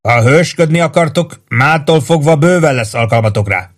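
A man reading an audiobook, voicing a gruff army first sergeant who shouts orders at his troops in a loud, raised voice. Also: a little high, animated, voice pushed up. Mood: commanding, shouting. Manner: barks commands, curses, loud and emphatic.

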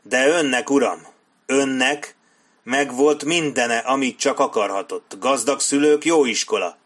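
A male audiobook reader voicing a gruff soldier who speaks in a blunt, coldly threatening way. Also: medium pitch, fairly bright tone, pitched above the performer's own voice, lightly acted. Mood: bitter. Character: gruff, cold, menacing soldier. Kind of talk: audiobook character voice.

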